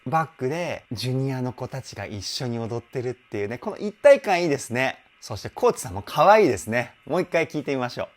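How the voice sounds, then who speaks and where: A man's voice: mid-range voice, expressive, fast talker, few pauses, faint music behind. A young man, a vocal coach, chatting enthusiastically while reacting to and analysing a song, laughing often.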